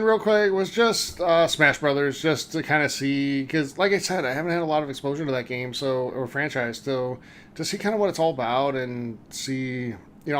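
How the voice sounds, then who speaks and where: A man's voice: fairly high pitch, a bit bright, a little hiss or hum. A man hosting a casual podcast chat, upbeat, leading the talk and putting questions to his co-hosts. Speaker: podcast host.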